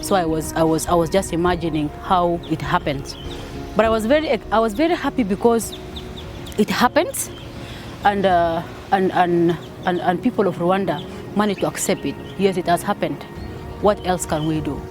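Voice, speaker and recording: A man's voice: sits high, normal speed. A man from South Sudan speaking emotionally in an interview, often repeating words. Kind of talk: interview testimony. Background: music.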